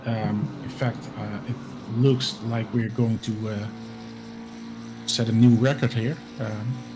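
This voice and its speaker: A very tired man hosting a charity sim racing stream, talking softly and rambling with lots of hesitant fillers. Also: lowish voice, fairly even intonation, takes it slowly. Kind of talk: casual live-stream chat. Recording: noisy with background hum.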